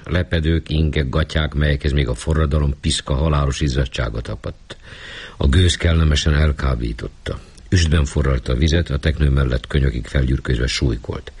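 A man narrating a novel in a measured way on an old radio broadcast. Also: a bass voice, darkish tone, husky. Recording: dull old radio recording.

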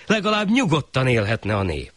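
A man voicing a gentle pigeon-keeping neighbor in a folk tale, reasoning earnestly. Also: mid-range voice, huge pitch swings, no room sound, voice pushed up.

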